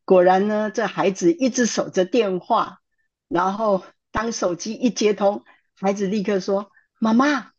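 A middle-aged woman, a church counselor telling a testimony in lively sermon-style storytelling, with fillers and acted quotes. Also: medium pitch, a little slow. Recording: dull lo-fi recording.

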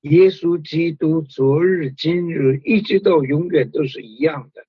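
Husky-voiced man preaching a sermon. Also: on the high side, unhurried, no room sound. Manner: conversational preaching with frequent fillers and tag particles. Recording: dull lo-fi recording.

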